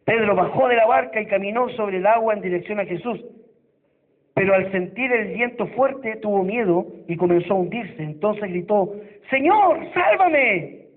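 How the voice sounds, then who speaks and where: A man's voice: high-pitched, fairly even intonation, normal speed. A Chilean man preaching a sermon as pastor, retelling a Bible passage and acting out the quoted voices with dramatic emphasis. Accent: Chilean Spanish. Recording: tinny phone-like church recording.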